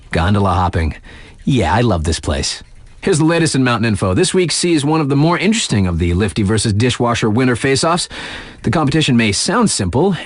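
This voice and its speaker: In a video game, an actor voices a relaxed, wry radio DJ in a mountain town, reading mock local news with slangy, deadpan asides. The male voice sits at a medium pitch, and the recording is dry.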